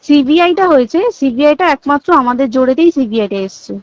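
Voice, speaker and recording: On a private phone call, an Indian Bengali woman who works on hospital staff recounts insider details emphatically, repeating points and checking that her listener is following. Her voice is high, animated and fairly quick, with no room sound, and the recording has the dull, lo-fi quality of a phone call.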